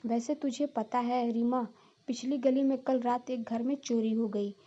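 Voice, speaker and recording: A woman's voice: a little high, steady tone, unhurried, dark tone, highs cut off. Woman doing a sly gossiping neighbour. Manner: sly, chatty.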